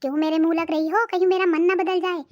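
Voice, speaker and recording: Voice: extremely high pitch, flat delivery, quick pace, noisy background. A voice artist playing a henpecked older cartoon husband who teases his wife and complains about her. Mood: teasing. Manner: mocking, wheedling, complaining. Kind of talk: cartoon voice acting.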